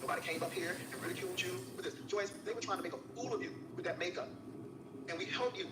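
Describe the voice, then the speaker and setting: A man with a high-pitched voice talks quickly, launching into a heated, preachy monologue at a rival, scolding her and saying her name again and again. He's a YouTuber in a clip, recorded far from the mic in an echoey room with faint hiss.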